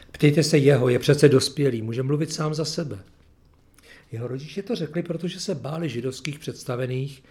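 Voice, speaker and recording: A man with a mid-pitched, ordinary voice reads a gospel passage aloud in a plain, unhurried way. He then moves into loose personal reflection on it. There he searches for words, restarts sentences and leans on fillers. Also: dark tone. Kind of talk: Bible reading followed by personal reflection.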